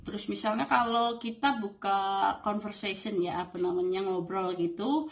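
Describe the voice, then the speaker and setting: A woman's voice: mid-range voice, normal speed. A woman talking casually to camera, giving advice with many fillers and playfully acting out quoted lines. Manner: chatty, full of fillers, acts out quoted lines. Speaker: vlogger giving dating advice.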